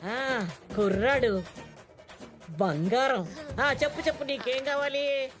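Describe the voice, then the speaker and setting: An actress playing a feisty, bossy old grandmother who scolds loudly, in a film comedy. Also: high-pitched, slow pace. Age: older. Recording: film soundtrack with music behind.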